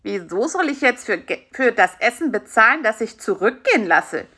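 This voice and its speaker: A woman voicing a greedy, grumbling male spider in a children's audiobook, talking in a low, sulky tone. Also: animated, normal speed, sharp tone.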